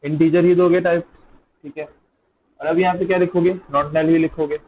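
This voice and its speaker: A man's voice: fairly high pitch, little pitch movement, moderate pace. A man teaching a live online coding lecture, talking while he types and checking in with students. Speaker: programming teacher. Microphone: close mic, dull over an online call. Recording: tinny call audio, faint noise.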